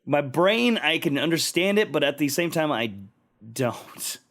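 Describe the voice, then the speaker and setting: A man co-hosting a podcast, rambling through anecdotes with a relaxed, casual manner. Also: on the high side, a little slow. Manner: rambling storyteller, many restarts. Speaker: podcast co-host.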